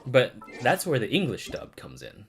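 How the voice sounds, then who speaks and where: A man streaming in a casual, opinionated, sweary style with animated delivery. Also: mid-range voice, moderate pace, soft background music. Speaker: streamer reviewing game voice dubs.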